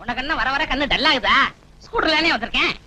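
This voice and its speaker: A man's voice: very high-pitched, expressive, fast, pushed and bright, heavily acted. An actor playing a muddled, forgetful young male college student in a film comedy, talking in scatterbrained, whiny protests. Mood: baffled. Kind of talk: Tamil film comedy dialogue.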